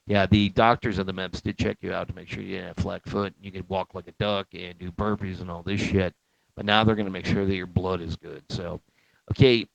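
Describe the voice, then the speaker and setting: A man's voice: sits low, gravelly, dry recording. A middle-aged man, a Marine veteran, telling a rambling story in casual, profane talk with frequent chuckles. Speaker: Marine veteran recounting boot camp. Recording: dull lo-fi, dry.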